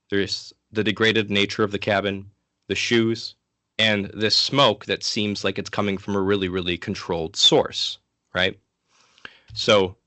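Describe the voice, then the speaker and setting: A man giving an informal, interactive lecture in a casual, conversational way, sick and low on energy. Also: bright, forceful tone, no echo. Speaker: guest lecturer from an online ministry.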